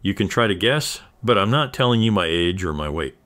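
Male reader as a teasing older woman in a narrated story, deep and low. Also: expressive, fairly quick, a bit bright, dry recording.

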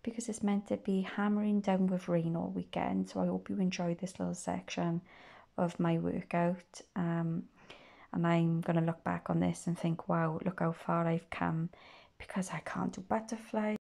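A woman's voice: on the low side, level tone, moderate pace, creaky, mellow. A woman, chatting casually in a day-in-the-life vlog, rambling and correcting herself. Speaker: vlogger. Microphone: phone at arm's length.

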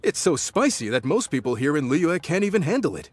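An actor voicing a friendly, proud restaurant chef in an anime-style video game, hearty and welcoming. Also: male voice, a little high, very animated, fairly quick. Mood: pleased, surprised.

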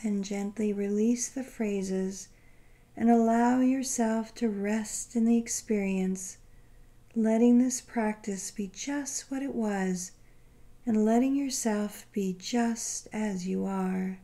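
A woman with a medium-pitched voice narrates a guided meditation. She's gentle, soothing, and unhurried, leaving long pauses between phrases.

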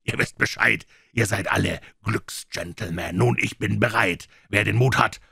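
A man reading puts on a gruff old pirate cook who bellows threats at his crew. The voice is low, gravelly and husky. It is recorded close and dry. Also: moderate pace, sharp tone, no room sound, exaggerated voice. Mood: menacing. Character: menacing old one-legged pirate cook, male. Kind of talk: audiobook reading.

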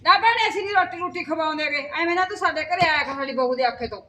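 Woman as a stubborn scolding mother-in-law, high bright voice, bossy. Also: quick pace. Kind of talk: village comedy sketch acting.

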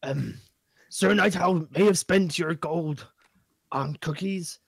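Slow, gravelly man, stammering. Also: a little high, dry recording. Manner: hesitant, stammering excuses. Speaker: tabletop game player. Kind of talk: casual in-character game banter.

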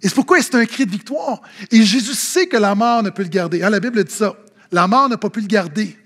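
A man's voice: high voice, a little fast. A man with a Québécois French accent, preaching a sermon as pastor and telling funny anecdotes, acting out the people he quotes. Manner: animated storytelling, acting out quoted voices.

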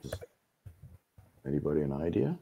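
A man's voice: a bass voice, big pitch swings, moderate pace, creaky, warm tone, slight background noise. A man in a video-call meeting, talking through ideas hesitantly and often repeating words. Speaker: community board member. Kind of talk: casual meeting discussion.

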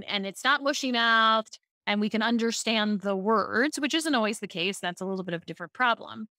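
A middle-aged woman coach in a podcast interview, high-energy and fast in bursts, with restarts. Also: bright, forceful tone, dry recording, clean studio sound. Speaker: speaking coach guest.

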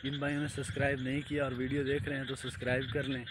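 A man's voice: medium pitch, level tone, racing. Young male vlogger, Punjabi-accented, teasing and chatty; phone at arm's length outside, with plain rural background noise. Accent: Pakistani Punjabi. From Pakistan. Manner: teasing, talks to camera while walking. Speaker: vlogger host. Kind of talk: casual vlog chat. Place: outdoors on a village path among fields. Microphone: phone camera at arm's length.

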